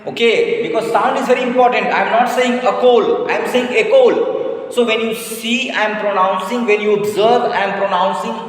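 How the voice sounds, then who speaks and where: High-voiced male teacher in echoey room. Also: steady tone, fairly quick, few pauses, fairly bright tone. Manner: repetitive, emphatic explaining, asks rhetorical questions. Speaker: French teacher. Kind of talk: classroom lesson.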